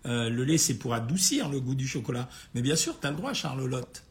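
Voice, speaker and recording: A man with a gravelly, hoarse, tired voice, informally answering listeners' questions as a doctor in a blunt, familiar way. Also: mid-range voice, very animated, moderate pace. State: tired, a bit worn out. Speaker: doctor hosting a nutrition question-and-answer session. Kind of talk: informal live question-and-answer, reading out comments and replying.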